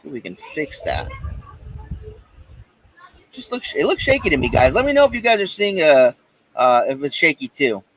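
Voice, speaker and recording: A man's voice: a little high, sing-song, moderate pace, long pauses, fairly bright tone, rough recording. Casual American man hosting a live stream. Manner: hesitant, rambling, informal. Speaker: podcast host. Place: outdoors in a backyard.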